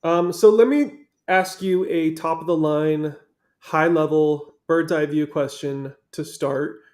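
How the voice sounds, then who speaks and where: A male co-host on a casual live stream, asking questions in an easygoing, measured way. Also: a little high, steady tone, darkish tone. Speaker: interviewer and co-host.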